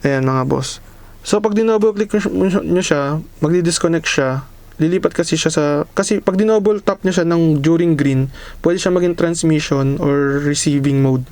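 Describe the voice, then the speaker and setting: A man casually unboxes and reviews a budget helmet intercom, chatting straight to his viewers and calling them bosses. His voice is fairly high with a darkish tone, at a moderate pace. He is recorded dry on a camera mic, sometimes heard through the intercom earpiece.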